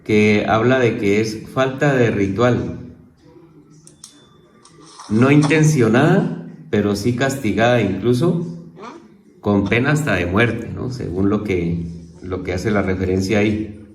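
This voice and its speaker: Slow-talking man with a low, roomy voice. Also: a little hiss or hum. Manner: halting, self-correcting, explains and repeats terms. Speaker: theology student presenting homework; teacher. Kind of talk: informal spoken lesson.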